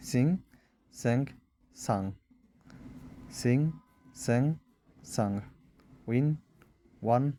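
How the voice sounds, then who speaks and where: A man's voice: mid-range voice, warm tone. A man teaching English verb forms, repeating word lists aloud and checking in with students. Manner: repetitive chanting of word lists, frequent "all right?" checks. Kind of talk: classroom lesson, drilling verb forms aloud.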